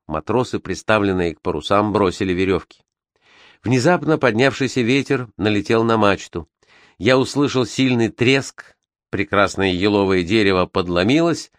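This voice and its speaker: Expressive male storybook reader. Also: mid-range voice, no room sound, studio quality. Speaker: audiobook reader. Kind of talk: children's book reading.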